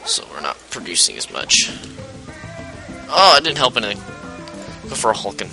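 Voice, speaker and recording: A man with a fairly low voice and big pitch swings gives casual let's play commentary at a moderate pace, his tone bright and forceful. He rambles, explains the game's mechanics as he plays, and keeps interrupting himself, with game music behind him on a low-quality recording.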